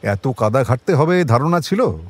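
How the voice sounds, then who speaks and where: A male actor voices a shrewd, world-weary senior detective in a crime audio drama, speaking in a measured, wry, colloquial way. His pitch sits in the middle, and his delivery is animated, a little mellow, and lightly acted.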